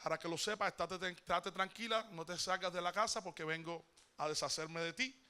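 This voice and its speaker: A man preaching who quotes a distraught, drunken, volatile man in low, hushed tones. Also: fairly quick, clear, resonant tone. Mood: threatening.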